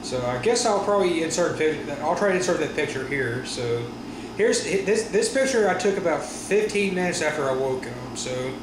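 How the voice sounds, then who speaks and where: A man talking casually in a personal vlog after wisdom teeth surgery, with a sore stiff jaw, halting and often correcting himself. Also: fairly high pitch. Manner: halting, rambling, frequent self-corrections. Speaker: vlogger. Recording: roomy echo with steady room noise.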